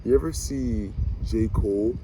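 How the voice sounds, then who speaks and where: A man in his twenties giving an animated, preachy motivational monologue to camera, talking to himself and his viewers with swagger. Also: lowish voice, unhurried, slight background noise, poor audio. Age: 20s. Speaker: vlogger.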